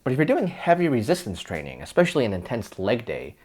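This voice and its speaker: Man arguing with himself, fast and very animated. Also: medium pitch. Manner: arguing with himself in conversational back-and-forth. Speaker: host of an explainer sketch. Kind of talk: scripted debate with himself, playing several versions of himself.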